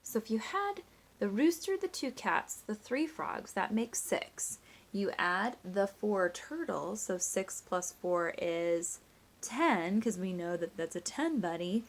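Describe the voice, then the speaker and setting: A female teacher with an animated, medium-pitched voice takes her time reading a picture book aloud expressively. She also teaches simple sums to young listeners step by step, questioning them to keep them involved.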